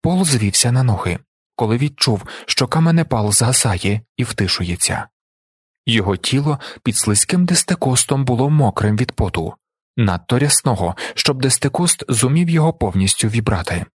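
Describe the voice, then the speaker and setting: A male narrator reading a novel aloud in an even, measured manner, his voice mid-pitched and husky. The booth recording is dry and close, with no room sound. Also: no room sound. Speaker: audiobook narrator. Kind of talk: audiobook narration.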